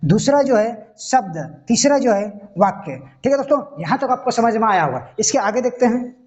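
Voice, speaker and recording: This classroom-style video features a man teaching Hindi grammar step by step and regularly stopping to make sure the listener follows. His voice is very high with lively intonation, a darkish tone and normal speed, captured in dull lo-fi audio.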